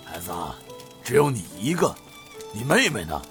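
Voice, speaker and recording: A man doing a gravelly, sighing old innkeeper. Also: mid-range voice, big pitch swings, moderate pace, a bit bright, faint music behind. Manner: sighing, fatherly, emotional. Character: kindly aging innkeeper man, sighing, warm-hearted. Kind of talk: storytelling with voiced characters.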